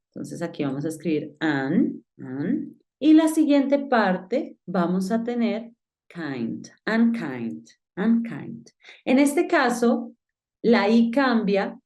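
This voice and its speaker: A woman teaching English pronunciation in a recorded online lesson, explaining patiently step by step. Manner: patient, step-by-step explaining with lively swings in pitch.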